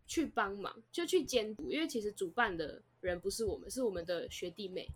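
A young woman, co-hosting a podcast and telling a story in casual, animated chat. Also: mid-range voice, brisk, husky. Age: young adult. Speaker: podcast co-host.

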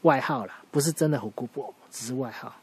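A man's voice: medium pitch, a little fast, breathy edge. A man telling an improvised children's story to a young listener, explaining patiently and answering questions as he goes.

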